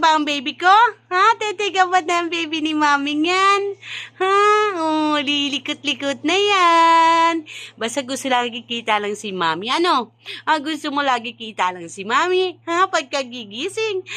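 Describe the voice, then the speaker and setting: Mother, high-pitched, slow cooing baby talk. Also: pushed and bright. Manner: sing-song cooing, drawn-out words.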